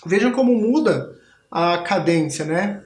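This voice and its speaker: A man's voice: sits high, lively intonation, a little slow, reverberant, over loud music. A Brazilian Portuguese-speaking man teaching a school rhythm lesson, explaining patiently and demonstrating body percussion.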